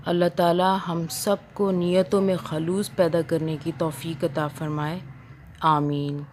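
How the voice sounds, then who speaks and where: A woman teaching Quran reading, patiently spelling out and repeating syllables in a slow lesson. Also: fairly low pitch, darkish tone, a little hiss or hum. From Pakistan.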